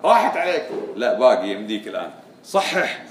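A man's voice: on the low side, sing-song, a little fast, a little hiss or hum. A man giving a religious lesson, quizzing his students with repeated questions. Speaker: religious teacher. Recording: echoey room, voice from far off.

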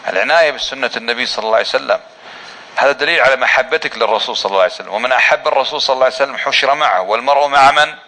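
A man teaching a religious lesson on prayer, asking his listeners questions and answering them himself, and slowly drawing out the phrases he demonstrates. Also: medium pitch, pushed and bright, low-quality recording. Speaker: Islamic teacher.

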